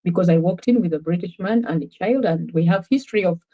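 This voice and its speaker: A Ugandan woman with a Ugandan accent speaks quickly in a fairly low, mellow voice, and the highs are cut off. As a guest in a conversational interview, she gives an earnest, reflective personal testimony about her own life.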